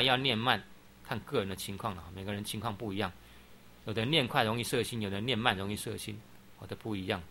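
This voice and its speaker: With a little hiss or hum in the background, a middle-aged Buddhist teacher gives a dharma talk answering questions, patiently explaining and often interjecting "好" between points. His voice is on the low side with a sharp tone.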